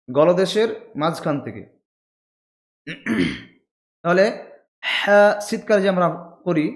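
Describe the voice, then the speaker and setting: Bangladeshi guy teaching letter sounds, kinda high voice, super slow and patient, says each sound over and over. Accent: Bangladeshi Bengali. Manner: patient, repeats each sound slowly and explains mouth positions. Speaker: Quran recitation teacher. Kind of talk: pronunciation lesson with drawn-out letter demonstrations.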